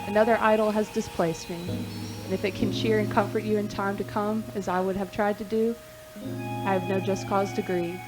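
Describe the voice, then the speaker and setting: A woman playing a dignified, sorrowful young fiancée in a radio play, speaking in measured, formal, mournful phrases. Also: mid-range voice, level tone, over loud music, lightly acted, low-quality recording. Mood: resigned sorrow.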